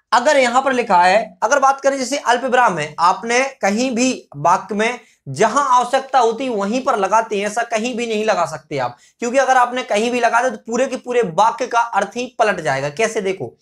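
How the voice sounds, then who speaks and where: A male teacher giving an explanatory grammar lesson. He asks rhetorical questions, answers them himself, and repeats example sentences slowly. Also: very high-pitched, fairly bright tone.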